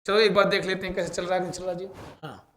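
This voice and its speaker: A man's voice: high-pitched, level tone, fast talker, a bit bright. A middle-aged male teacher, coaxing students through chanted Sanskrit word forms in an exam coaching lesson. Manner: drills aloud, coaxing call-and-response, chanting word forms.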